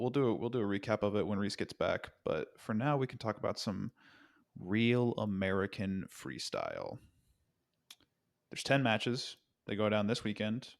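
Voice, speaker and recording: Low-voiced man hosting a chatty podcast. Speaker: podcast co-host. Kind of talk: casual sports podcast chat.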